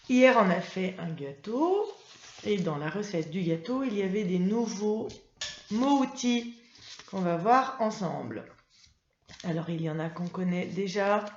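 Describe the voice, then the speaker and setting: A woman's voice: on the low side, a little hiss or hum. A woman teacher giving a reading lesson to young children, patiently spelling out letters and sounds. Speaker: primary school teacher. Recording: roomy, slightly dull sound.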